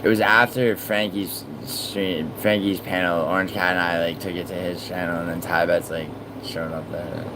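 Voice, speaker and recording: A man hosts a casual livestream, reading out viewer messages as he goes. He rambles, swears freely and lets sentences trail off. A steady air-conditioning hum runs underneath. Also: deep voice, normal speed, hardly any pauses. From born in Italy, raised in New York. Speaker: livestream host.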